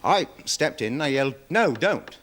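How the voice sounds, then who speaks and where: An actor playing a nervous, deferential security guard testifying in a 1970s television courtroom drama, rambling with many fillers. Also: male voice, mid-range voice, big pitch swings, moderate pace, close to an everyday voice. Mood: worried, defensive. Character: nervous security guard witness, dog handler. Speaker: witness in court.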